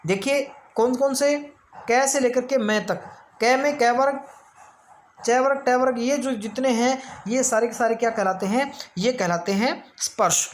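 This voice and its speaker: A woman with a slightly high voice gives a grammar lesson for exam students. She explains step by step, poses questions and answers them herself, and stretches out vowel sounds slowly to demonstrate them. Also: slight background noise. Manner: frequent check-ins of "theek hai". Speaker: teacher.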